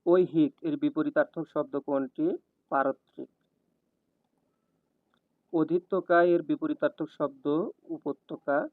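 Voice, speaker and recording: A man with a fairly high voice reads exam questions and their answers in a steady, measured cadence. The sound is thin and phone-like, with a dry, close feel and no room around it. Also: dry recording. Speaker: exam prep tutor. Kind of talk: scripted question-and-answer reading.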